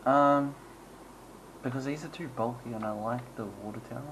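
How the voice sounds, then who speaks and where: A man's voice: mid-range voice, moderate pace, a bit bright, slight background noise, low-quality recording. A man giving casual, rambling gameplay commentary, chuckling and making self-deprecating asides as he goes. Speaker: gaming channel host.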